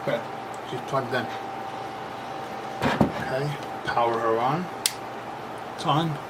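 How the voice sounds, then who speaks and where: A man with a mid-range voice takes his time as he does a casual, hands-on repair with no script. He speaks plainly, thinking aloud while working, and the camera recording is noisy, with loud background noise.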